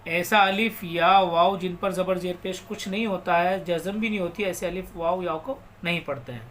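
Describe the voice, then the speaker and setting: A man teaching Quran recitation. He recites slowly and draws out words, then explains quickly and spells out letters and vowel marks. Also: high voice, steady tone, a bit bright, slight background noise. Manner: slow drawn-out recitation alternating with quick explanations. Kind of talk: step-by-step recitation lesson.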